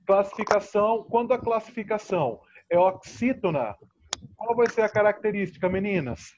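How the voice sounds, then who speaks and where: A man's voice: sits high, expressive, darkish tone. Patient male teacher on a muffled call. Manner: patient, drawn-out syllables, checks in often. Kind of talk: online class teaching. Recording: muffled lo-fi audio, faint noise.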